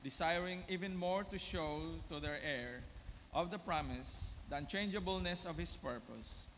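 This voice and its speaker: A man in his fifties reading scripture formally as a lector, solemn and deliberate, at a lectern microphone in a church. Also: sits high, a bit bright. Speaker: lector at Mass. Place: church, indoors. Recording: reverberant church, faint background noise.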